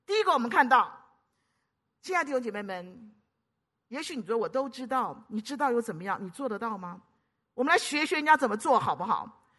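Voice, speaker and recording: A woman delivers a sermon in a bright, fairly high voice. She swings from loud, urgent appeals to soft, hushed storytelling, pressing her listeners with questions. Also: big pitch swings, fast, long pauses. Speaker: preacher.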